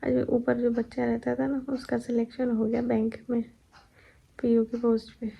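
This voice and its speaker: Tired young woman with a gravelly voice. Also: a little high, monotone, normal speed, dull audio. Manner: chatty, laughing, recounting daily life. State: heavily pregnant and tired. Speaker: vlogger. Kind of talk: casual chat. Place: home.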